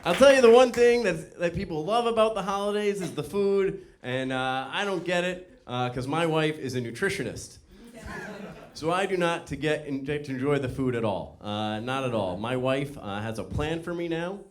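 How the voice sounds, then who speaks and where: A male stand-up comedian ranting in an exasperated, animated way. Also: fairly high pitch, moderate pace, slight background noise.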